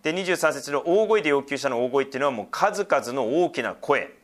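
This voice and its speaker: Man, middle-aged pastor, sermon, explanatory asides, expressive pitch. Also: brisk. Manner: explanatory preaching with frequent asides.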